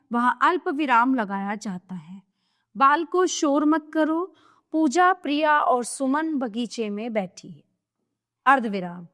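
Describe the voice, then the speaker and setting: A woman with a high, light voice gives a grammar lesson to young children. She explains patiently, repeats her examples and checks in with the class as she goes. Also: a bit bright. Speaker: teacher.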